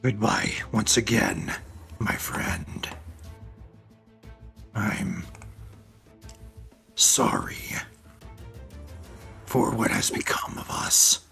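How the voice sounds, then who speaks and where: A man voicing a sorrowful, resolute warrior in a tabletop game, with a husky, half-whispered growl and slow, solemn delivery. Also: fairly low pitch, sharp tone, faint music behind, full character voice. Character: sorrowful, grave male warrior, weary and resolute.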